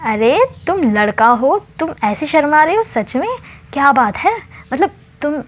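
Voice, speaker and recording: A quick, sharp-tongued young woman who needles and scolds her lovesick friend, voiced by a woman telling the story. Her voice is high-pitched and lively in its retorts. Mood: teasing.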